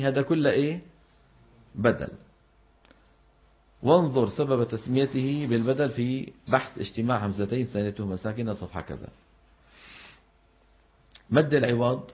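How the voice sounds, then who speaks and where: Levantine man teaching recitation, lo-fi. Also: medium pitch. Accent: Levantine Arabic. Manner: quizzes students, then drawls out example words slowly. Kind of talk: classroom lecture. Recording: slightly dull lo-fi recording.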